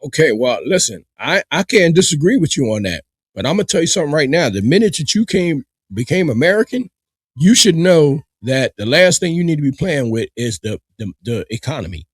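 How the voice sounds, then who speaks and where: A man's voice: a little high, big pitch swings, brisk, slightly rough, no echo, clean studio sound. A man hosting a live reaction show, commenting emphatically and talking straight to his viewers, often repeating himself. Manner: emphatic, repetitive, addresses viewers directly.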